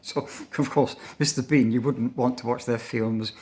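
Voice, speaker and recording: An older male teacher talks through his lesson in a thoughtful, unhurried way, pausing often and stressing single words to show how they sound. His voice sits at a middle pitch, and he checks in with his listener with a quick "no?" after his points. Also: fairly even intonation, warm tone. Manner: thoughtful, pausing, demonstrates intonation aloud; tags questions with "no?". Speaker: English teacher. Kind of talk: informal spoken lesson.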